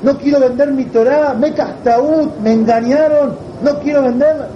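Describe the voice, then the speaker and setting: A man's voice: expressive, fairly quick, a little hiss or hum. A man doing a weeping young yeshiva student. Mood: tearful pleading. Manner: high, crying, insistent. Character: young male Torah student, tearful and pleading. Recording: dull lo-fi recording.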